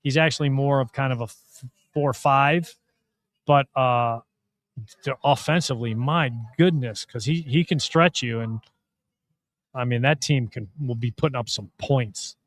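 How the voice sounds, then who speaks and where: A man's voice: medium pitch, a little slow, no room sound. A man co-hosting a live basketball draft reaction, a columnist telling jokey stories and giving opinions. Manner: storytelling, jokey banter. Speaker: sports columnist co-host. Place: arena media room.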